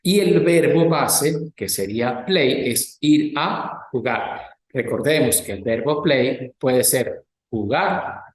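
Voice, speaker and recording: Male teacher, mid-pitched, slow deliberate drilling of vocabulary, recorded in a roomy, echoey space. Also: lively intonation. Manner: slow, careful pronunciation drills alternating English and Spanish. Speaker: English teacher. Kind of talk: recorded lecture with slides.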